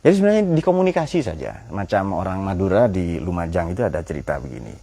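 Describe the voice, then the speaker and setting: A man's voice: deep voice, fast talker, creaky, slightly rough. A man giving a Quran exegesis lecture, quizzing his audience with questions and telling jokes. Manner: lively, joking storyteller.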